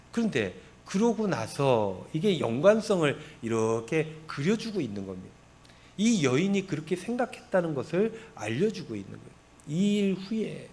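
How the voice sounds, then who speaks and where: A male pastor preaching a sermon, retelling scripture with rhetorical questions. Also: a little high. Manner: expressive storytelling with rhetorical questions.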